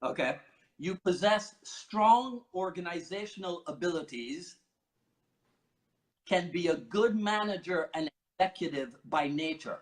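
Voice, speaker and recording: Host: man from Barbados, high voice, playful, teasing. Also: animated, measured pace, rough recording. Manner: playful and teasing, reads notes aloud. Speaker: podcast host. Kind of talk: casual interview questioning.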